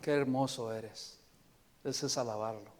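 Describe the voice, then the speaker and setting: Slow-preaching pastor in a reverberant church. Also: male voice, medium pitch, fairly even intonation. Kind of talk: sermon. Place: church sanctuary. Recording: long reverb of a church hall.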